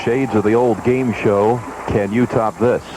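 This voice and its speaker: A man's voice: on the low side, steady tone, unhurried. A man working as a golf commentator, narrating tournament play in live television coverage. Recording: noisy old outdoor TV broadcast. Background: loud outdoor ambient noise.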